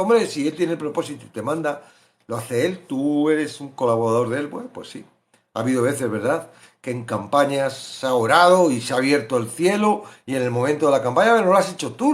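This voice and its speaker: Animated man preaching. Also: medium pitch, moderate pace. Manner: animated, rhetorical questions, acts out quoted voices. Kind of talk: sermon-style Bible reflection.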